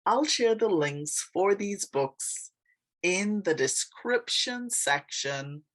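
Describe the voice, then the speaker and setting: A woman presenting in a measured, explanatory style with careful, deliberate phrasing. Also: mid-range voice, lively intonation, a bit bright. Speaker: presenter and author.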